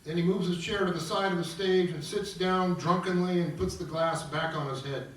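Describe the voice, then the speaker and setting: As narrator of a musical table read, a man reads stage directions aloud in a high-pitched voice, steady in tone and at normal speed. He is also the singer of this self-written opera. The recording is distant and very echoey, with music in the room.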